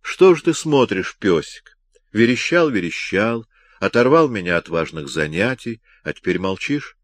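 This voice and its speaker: A man voicing an exuberant young male scientist who teases and talks loudly in an audiobook reading. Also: on the low side, big pitch swings, measured pace, no echo. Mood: mocking. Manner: giddy, teasing, loud.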